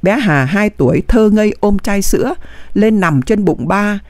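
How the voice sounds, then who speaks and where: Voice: medium pitch, unhurried, dry recording. A reader giving an emotive, dramatic reading of a wartime memoir. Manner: emotive, lively phrasing. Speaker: audiobook reader.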